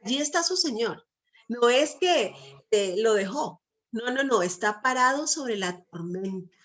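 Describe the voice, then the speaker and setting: A woman with a slightly high voice delivers a sermon, often pausing to ask her listeners questions. She leans on rhetorical checks and quoted scripture, coaxing the congregation along. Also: animated, fairly bright tone. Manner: asks the audience frequent rhetorical questions. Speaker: preacher.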